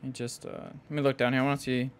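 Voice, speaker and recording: A man's voice: medium pitch, level tone, very fast, smooth. A young man giving casual gameplay commentary in slangy, sweary frat-bro talk. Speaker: gaming video host.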